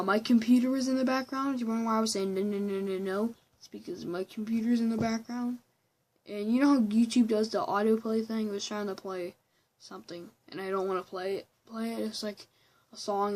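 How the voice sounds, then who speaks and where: A woman's voice: mid-range voice, darkish tone, poor audio. A woman giving a casual, rambling movie review at home, often restarting sentences and breaking into giggly asides. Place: room at home with a computer behind her.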